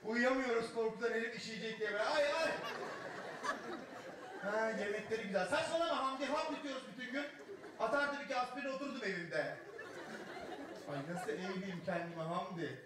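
A man's voice: very high-pitched, animated, fairly quick, pauses often, very echoey, far from the mic, crowd noise, background noise. A man voicing an effeminate, flamboyant man who complains fussily and sighs "ay" a lot, in a live stage set. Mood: whiny. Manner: camp, whiny complaining with frequent "ay". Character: effeminate flamboyant man, fussy and easily irritated.

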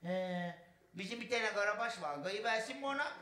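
A man's voice: sits high, animated, normal speed, voice pushed up. A comedian playing a crude, rambling old village man with a rural North Aegean Turkish accent in a stand-up bit. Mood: bossy. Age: older. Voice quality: broad rustic drawl, scolding and bawdy. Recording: echoey stage recording, audience noise.

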